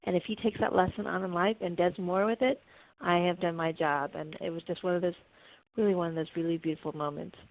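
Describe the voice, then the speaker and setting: Woman camp director, earnest, restarts a lot; fairly low voice over a dull call line. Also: fairly even intonation, brisk. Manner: earnest, storytelling with many restarts. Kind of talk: webinar talk. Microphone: conference call. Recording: muffled conference call audio.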